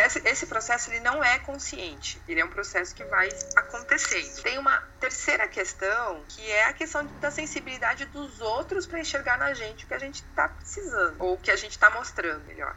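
A woman's voice: fairly low pitch, pushed and bright. A middle-aged woman psychologist with a Brazilian Portuguese accent, explaining ideas in an interview through everyday examples. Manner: didactic, uses everyday examples and acted-out quotes. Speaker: psychologist guest. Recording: dull lo-fi recording, faint noise.

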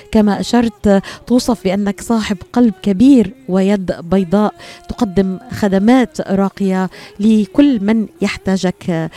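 A woman's voice: mid-range voice, mellow. A woman hosting an interview, speaking in a formal, eloquent presenting style with laudatory phrasing. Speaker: interview host. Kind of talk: formal interview presentation in mostly standard Arabic.

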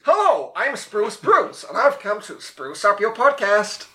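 A cheeky robot from the future , as a man puts it on, reads out its system messages like a machine processing commands, clipped and mechanical. The voice sits high and swings widely, with a very bright, sharp tone. It is an improvised comedy podcast bit. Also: wildly swooping pitch, unhurried, exaggerated voice. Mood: robotic. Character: cheeky sex robot from the future, male voice, deadpan.

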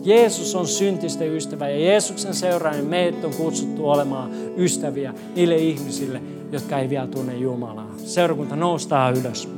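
Male pastor, high voice, conversational preaching from a church, emphatic then hushed. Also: hardly any pauses, loud music behind the voice. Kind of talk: sermon.

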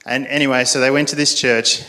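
A man's voice: medium pitch, level tone, a little fast, pushed and bright. A male pastor, giving a sermon in a casual storytelling way, with frequent fillers and restarts.

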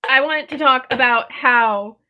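A woman co-hosting a podcast in casual chat, talking fast and loose with frequent laughs and trailing sentences. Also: sits high, muffled recording. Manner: chatty, laughs often, trails off. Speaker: podcast co-host.

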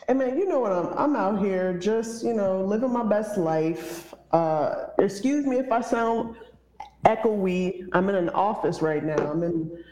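A woman co-hosting a casual late-night podcast from a hotel media room, lively and hyped, her voice echoing in the room. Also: mid-range voice, measured pace. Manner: lively and hyped, loud cheers. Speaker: podcast co-host.

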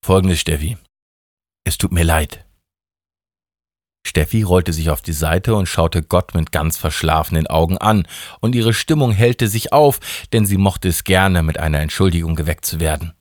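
Low-voiced man reading a wry story. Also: normal speed, no echo, studio quality. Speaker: radio story reader. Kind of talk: scripted story narration.

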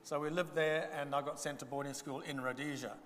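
This is a church testimony talk by an older guest speaker from Zambia who grew up speaking Bemba, and his storytelling is funny and self-deprecating. He talks briskly in a fairly high, fairly bright voice with fairly even intonation. The reverberant church hall has faint ambience and slight background noise.

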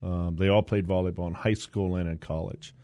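A man's voice: low-pitched, fairly even intonation, a little fast, warm tone, no room sound, lo-fi sound. An older man, a guest in a casual interview, telling stories in a rambling way with many fillers and restarts. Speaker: interview guest, university board president.

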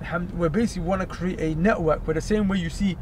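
A man's voice: high voice, steady tone, fast, background noise. A man with an urban London roadman accent chatting casually in emphatic, repetitive street slang. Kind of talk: casual chat.

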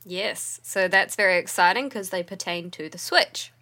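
A woman co-hosts a casual podcast with a tired voice. She speaks a little low and keeps her points measured and agreeable. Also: pushed and bright. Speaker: podcast co-host, museum and university worker. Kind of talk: casual chat.

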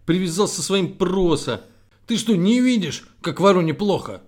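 A man's voice: high voice, expressive, moderate pace, a little mellow, pitched above the performer's own voice. A man voicing a stern, self-important old female owl in a children's story, scolding sharply.

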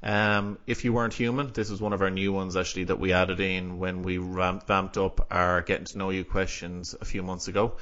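A male podcast host with a west of Ireland accent talks casually. His voice sits at an ordinary pitch for a man. The audio is a little dull and lo-fi. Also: flat delivery, a little fast, few pauses, a bit bright. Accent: west of Ireland, Galway.

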